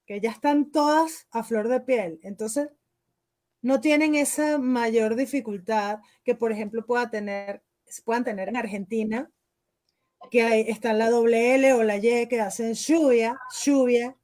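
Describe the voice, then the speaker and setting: A woman's voice: a little high, a little slow, darkish tone. Venezuelan woman explaining dubbing. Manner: explanatory, peppers speech with "¿ok?". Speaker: voice actress and dubbing instructor. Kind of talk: interview answers.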